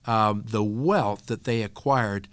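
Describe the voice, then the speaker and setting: A man with a fairly low voice tells stories in an earnest, animated way, as a podcast guest. The sound is dry and close, with no room around it. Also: slow pace, smooth, no room sound. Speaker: podcast guest, nonprofit co-founder. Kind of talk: conversational interview storytelling.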